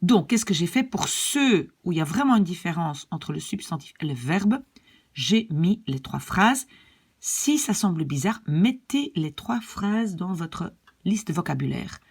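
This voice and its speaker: Breathy-voiced woman teacher, slow and patient, lively pitch, asks "d'accord?" often. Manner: patient, repeats and checks "d'accord?". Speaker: language teacher. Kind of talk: online language lesson.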